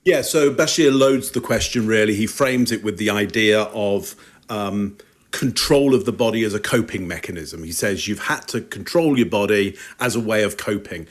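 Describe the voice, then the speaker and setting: A man on a panel analysing body language in an interview clip, measured and thinking aloud with small fillers. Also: on the low side.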